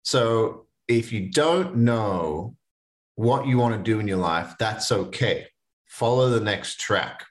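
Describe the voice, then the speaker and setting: Slow but lively in intonation, a man in his late twenties with a lowish voice hosts a motivational podcast alone. He talks in an earnest, casual, conversational way that includes restarts.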